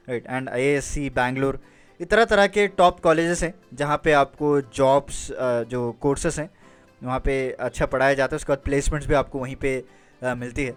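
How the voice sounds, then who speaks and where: With music in the background, a man gives an informal explainer lecture as a career guidance presenter. His medium-pitched, smooth voice stays conversational, often checking in with listeners and mixing in English phrases.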